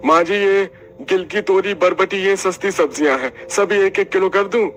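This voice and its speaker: A man voicing a street vegetable seller in an animated story, eager and polite. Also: sits high, normal speed, faint music behind.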